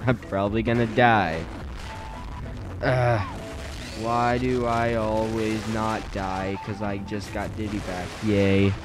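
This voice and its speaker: A man's voice: on the low side, poor audio. A teenage boy rambling through casual gameplay commentary, self-deprecating, with many fillers and restarts, speaking close to a weak microphone. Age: teens. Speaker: let's play commentator. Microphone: weak mic at close range.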